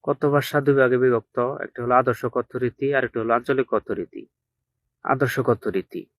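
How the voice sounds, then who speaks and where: A man teaching an exam-prep lesson, dictating slowly and repeating each point so students can note it down. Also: mid-range voice, steady tone, no room sound.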